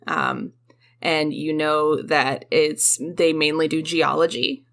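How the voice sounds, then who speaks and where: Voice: mid-range voice, sing-song, slow pace, vocal fry, fairly bright tone. A game master running a tabletop game in a casual, hesitant way with many fillers.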